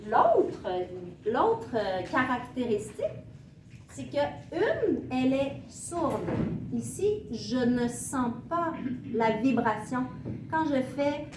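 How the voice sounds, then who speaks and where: A woman's voice: high-pitched, very animated, slow. A woman teaching a class, speaking in short, simple phrases and demonstrating for learners. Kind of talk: classroom lesson. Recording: echoey classroom from far off, with room noise.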